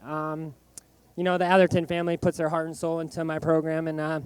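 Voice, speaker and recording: Even-toned, high-voiced male motorcycle racer. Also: clear, resonant tone, dry recording. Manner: halting, plain-spoken, frequent "you know". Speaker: motorcycle racer, race winner. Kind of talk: casual post-race interview. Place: outdoor racetrack podium over microphone.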